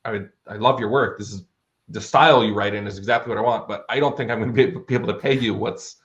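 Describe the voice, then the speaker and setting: This man, an author and audio drama producer appearing as an interview guest, speaks fast in a fairly low, steady voice. He's relaxed and conversational as he recounts anecdotes, captured on dull, lo-fi audio.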